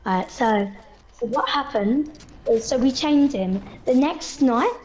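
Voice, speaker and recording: Woman, high-pitched, halting, many ums and restarts, casual storytelling. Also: animated, a little mellow, a little hiss or hum, low-quality recording. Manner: halting, restarts often with fillers.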